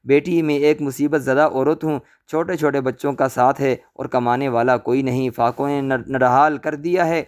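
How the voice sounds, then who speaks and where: A man voicing a scheming old woman in a storybook tale, flattering one moment and hurling curses the next. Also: medium pitch, hardly any pauses, clear, resonant tone, natural voice. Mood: pleading. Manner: flattering, then shrieking curses. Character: scheming old crone, wheedling and loud.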